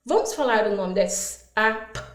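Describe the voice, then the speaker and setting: This very animated teacher, a woman with a fairly high voice, guides listeners through literacy activities in order, acting out her classroom prompts. To show how words divide into sounds, she stretches them out slowly. There's a clear room echo on the recording.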